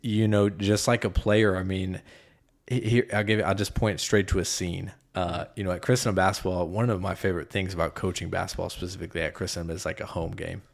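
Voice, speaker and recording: Deep gravelly man, a basketball coach. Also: fairly even intonation, brisk. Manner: thoughtful, self-correcting, earnest. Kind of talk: casual podcast conversation.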